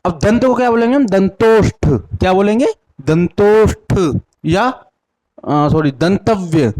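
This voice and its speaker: A young man teaching a lesson with a north Indian Hindi accent. He asks each question, answers it himself, repeats the answer, and sounds out syllables slowly one by one. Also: high voice, darkish tone. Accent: Hindi-speaking north Indian. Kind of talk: classroom lesson with call-and-response drills.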